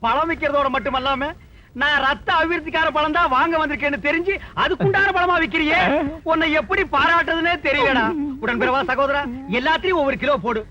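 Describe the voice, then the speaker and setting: A man's voice: very high-pitched, fairly quick, sharp tone, dull audio. An actor playing a freeloading male police constable who talks in a flowery, teasing, sing-song way, in an old film soundtrack. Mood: flattering. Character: freeloading, flattering middle-aged male constable.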